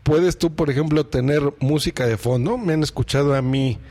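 A man's voice: a little high, moderate pace, dark tone. A man and podcaster explaining audio gear step by step in a casual tutorial, speaking to viewers from his home mixing desk. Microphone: studio microphone through a mixing desk.

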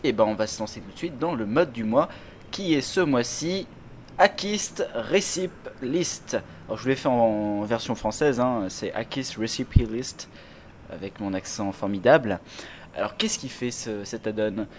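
A man's voice: on the low side, normal speed, slight background noise. A man hosting a casual gaming podcast, chatty, with many fillers and self-corrections. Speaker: podcast host.

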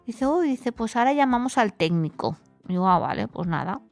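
A woman's voice: a little high, big pitch swings, moderate pace, darkish tone, no echo, soft background music. A woman from Spain hosting a podcast, casually recounting a hotel mishap and acting out the dialogue with laughs. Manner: chatty, acts out dialogue with laughs. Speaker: podcast host. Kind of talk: casual travel storytelling.

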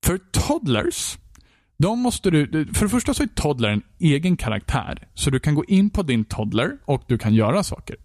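A man's voice: a little high, sing-song, a little mellow, no room sound, clean studio sound. A man telling an exasperated, comedic story in a casual chat, swearing freely as he goes.

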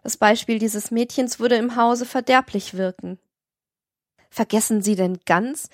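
A woman's voice: a little high, a little slow, no room sound, studio quality, natural voice. A woman voicing a cruel, scheming sister who speaks sharply and accusingly in an audiobook.

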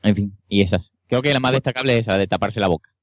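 A man's voice: on the low side, fast, no echo, studio quality. A man chatting casually on a podcast, often checking in with his listeners as he goes. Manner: chatty, often tags "¿vale?". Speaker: podcast co-host. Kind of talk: casual chat.

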